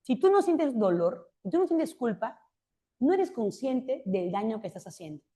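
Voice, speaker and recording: A woman's voice: fairly high pitch, big pitch swings, moderate pace, warm tone. A woman giving a classroom literature lecture, explaining points and often checking with rhetorical questions. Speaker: literature teacher.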